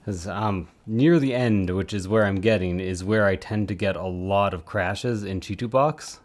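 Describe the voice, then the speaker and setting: On a live stream, a man talks casually while working, his voice on the low side and his pace a little slow. This streamer, who backs 3D print models, wanders from topic to topic and pokes fun at himself along the way.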